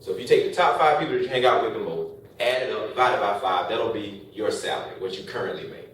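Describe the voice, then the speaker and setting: A man's voice: on the low side, fast talker, fairly bright tone. A man gives a casual motivational talk to a classroom of college students, joking and asking rhetorical questions. His voice is picked up from a distance, so it sounds far off in a very echoey room with a faint hiss underneath. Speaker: speaker addressing college students.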